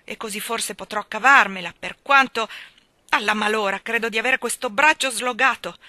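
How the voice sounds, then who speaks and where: A man's voice: high-pitched, moderate pace, bright, forceful tone, dry recording. A woman reading aloud, voicing an arrogant, scheming male lawyer who speaks curtly. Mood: bitter. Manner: curt, arrogant.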